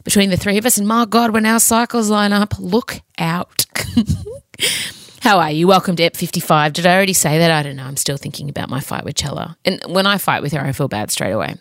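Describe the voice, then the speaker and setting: A woman's voice: fairly low pitch, animated, a little fast, no room sound, clean studio sound. A middle-aged woman hosting a podcast as a chatty, confessional monologue, theatrical and sweary, with self-mocking candour. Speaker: podcast host.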